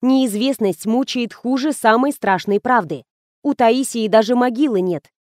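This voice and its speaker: Woman, audiobook narration, steady reading, slightly high voice, dry close mic. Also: moderate pace, dry recording. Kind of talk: scripted narration.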